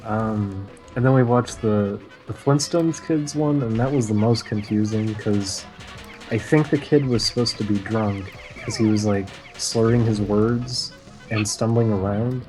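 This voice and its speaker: A man with a fairly low voice talks through a cartoon plot in loose, rambling chat. He pauses often with "uh" as he pieces the story together, and faint music plays behind him. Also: a little mellow, low-quality recording. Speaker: stream co-host. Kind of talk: casual chat recapping cartoons.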